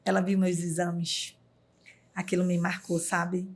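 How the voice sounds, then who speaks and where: A woman's voice: lowish voice, completely flat delivery, measured pace, husky. A middle-aged woman from Brazil, a podcast guest, earnestly telling a personal story with many fillers.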